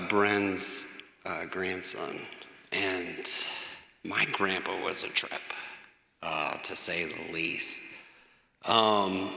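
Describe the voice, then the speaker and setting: Speaking at a church eulogy, this American grandson in his forties laughs through loose, wandering recollections. He has a lowish, pushed, bright voice with vocal fry. Long church-hall reverb surrounds the sound from the church microphone.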